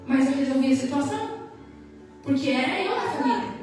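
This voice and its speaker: A woman's voice: high-pitched, expressive, a little fast, darkish tone. A Brazilian woman with a Brazilian Portuguese accent, giving an emotional church testimony in a sing-song preaching manner and acting out dialogue. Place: church hall. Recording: echoey hall from far off, music behind.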